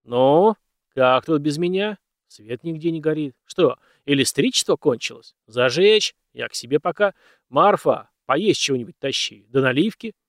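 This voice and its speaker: A man voicing a domineering dead old industrialist master who bellows gruff commands. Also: a little high, animated, normal speed, dry recording, studio quality. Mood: bossy, jocular.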